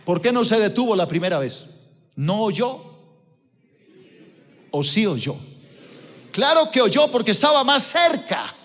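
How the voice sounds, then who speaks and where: Male pastor, high voice, emphatic sermon delivery, asks the room questions, big hall reverb. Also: very animated, measured pace, pauses often, a bit bright. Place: church auditorium. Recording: long reverb of a church auditorium.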